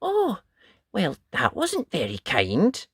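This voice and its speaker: A storyteller voicing a plucky, kind little girl in a children's storybook, earnest and expressive. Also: mid-range voice, slow, slightly rough, dry recording, studio quality, pitched above the performer's own voice, heavily acted. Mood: scolding.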